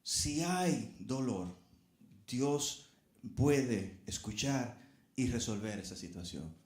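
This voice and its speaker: A man's voice: mid-range voice, animated, slow pace, a little mellow, roomy sound. A middle-aged man preaching a sermon as a pastor, earnest and speaking straight to his congregation.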